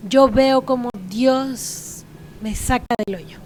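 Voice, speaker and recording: A woman's voice: high voice, slow, slight background noise. Earnest Mexican woman giving testimony. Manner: earnest, frank, laughs at herself. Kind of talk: conversational church testimony.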